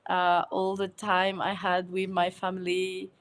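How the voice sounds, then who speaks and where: Guest: woman, unhurried and hesitant, filler-heavy, laughs often. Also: on the low side, completely flat delivery, clear, resonant tone. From Mauritius. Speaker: guest, food content creator. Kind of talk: casual interview answers.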